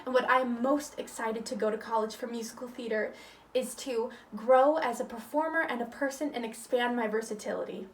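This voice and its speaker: A woman's voice: a little high, fairly quick, far from the mic, a little hiss or hum. An eighteen-year-old woman from Illinois, introducing herself in a poised, earnest way. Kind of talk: self-introduction.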